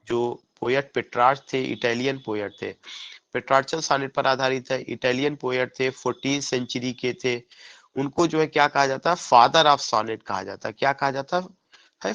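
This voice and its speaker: A man's voice: medium pitch, creaky, a bit bright. A male teacher giving an exam-prep lecture on English poetry. He asks a question and answers it himself, repeating the key points so students remember them. He mixes English literary terms into his Hindi.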